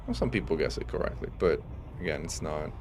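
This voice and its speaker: A man with an extremely low voice talks fast over soft background music and steady background noise. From Italy, with a faint Italian accent, he casually streams a space game, relaxed and chatty, reading viewers' messages aloud.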